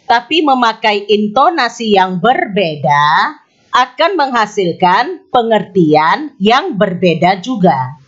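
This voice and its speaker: A woman's voice: medium pitch, a bit bright. A woman teaching an English grammar lesson in scripted narration, explaining carefully and repeating example sentences. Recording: slightly dull lo-fi sound.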